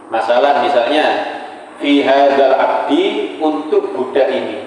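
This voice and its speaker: A man's voice: fairly high pitch, a little mellow. A man teaching Islamic jurisprudence to a class, glossing Arabic phrases in Indonesian and often asking whether the students follow. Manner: explains Arabic text in Indonesian, checks understanding often. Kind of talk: classroom lecture. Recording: echoey hall, distant mic, faint noise.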